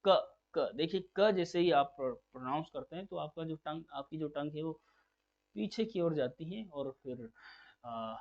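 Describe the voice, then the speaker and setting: A man's voice: on the high side, animated, moderate pace, darkish tone. A man teaching a phonetics lesson for exam preparation, explaining patiently and repeating key terms as questions to drill them. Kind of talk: exam-prep lecture. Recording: dull lo-fi recording.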